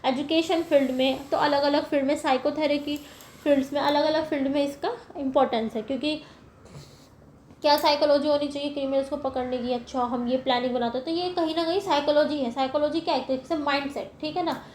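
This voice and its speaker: Woman teacher explaining things step by step, fairly high voice, roomy echo, faint hiss behind. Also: steady tone, brisk, a little mellow. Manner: explains step by step, often asking "ठीक है ना". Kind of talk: lecture to teacher-training students.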